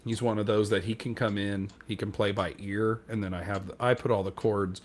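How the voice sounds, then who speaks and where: Guy with a lowish voice rambling thru a self-deprecating story, casual podcast chat, faint hiss behind. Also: fairly even intonation, brisk. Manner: acts out quoted dialogue. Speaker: podcast co-host.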